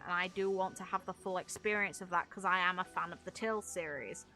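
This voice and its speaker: A young adult woman who streams games rambles casually to her viewers, using informal language and mild swearing. Her medium-pitched voice is bright and forceful.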